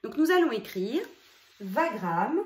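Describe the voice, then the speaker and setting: A woman's voice: a little high, sing-song, slow pace. A woman teaching young children to write a letter, explaining each stroke step by step and speaking directly to the child. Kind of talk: handwriting lesson for young children. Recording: roomy, echoey room.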